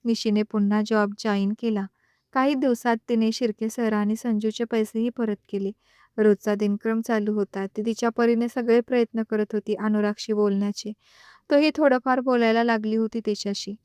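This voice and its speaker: A woman narrating an audio story with an expressive reading style. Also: fairly high pitch, moderate pace, clear, resonant tone, dry recording, clean studio sound.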